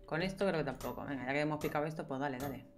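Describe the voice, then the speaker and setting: A chatty young woman streams her gameplay in a deep, rapid-fire voice over a noisy background. Her casual commentary is full of playful exclamations as she talks both to herself and to her viewers.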